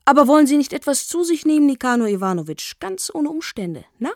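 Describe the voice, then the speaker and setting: A woman's voice: high voice, very animated, fairly quick, no room sound, clean studio sound, pitched above the performer's own voice. A woman voicing a lanky, fawning male trickster with a ringing, brash tenor and an effusive, slippery manner.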